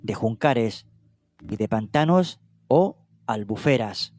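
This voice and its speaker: A man's voice: mid-range voice, expressive, takes it slowly, a little mellow, dry recording. A man narrating a true-crime case in documentary style, reading steadily with small hesitations and self-corrections. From Spain, not Catalonia. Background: music.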